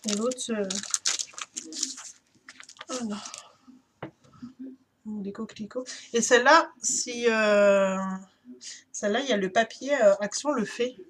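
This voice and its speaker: Woman, slow chatty vlogger, a bit high, light background noise. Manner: chatty, hesitant, many fillers. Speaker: YouTuber. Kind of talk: casual haul vlog.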